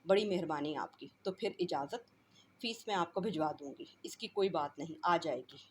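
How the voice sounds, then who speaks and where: Female teacher, lowish voice, reads a play then explains each line, faint background noise. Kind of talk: reading and explaining a textbook play in class.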